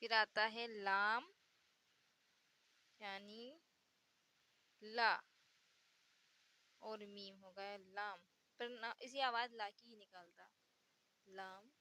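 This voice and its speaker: A woman's voice: medium pitch, steady tone, drawn-out words, pauses often, pushed and bright, dry recording. A woman teaching the Urdu alphabet, patiently repeating each letter's sound and giving example words. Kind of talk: slow letter-by-letter pronunciation lesson.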